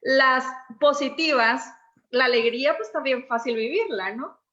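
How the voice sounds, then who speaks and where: Woman coach, expressive explainer, high bright voice. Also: a little slow, dull audio. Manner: expressive, reenacts dialogue. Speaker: emotions coach. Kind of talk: conversational explanation.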